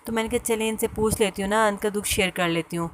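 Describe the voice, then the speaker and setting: A woman tells a personal story in a casual, hesitant way, pausing often with fillers and restarts. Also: medium pitch, fairly even intonation, slight background noise. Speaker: vlogger sharing a personal story.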